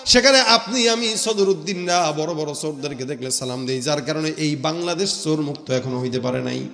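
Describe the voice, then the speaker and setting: A man preaching a Bengali waz sermon, fiery and sing-song, swinging between shouted lines and hushed storytelling. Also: fairly high pitch, a little fast, creaky, long reverb tail.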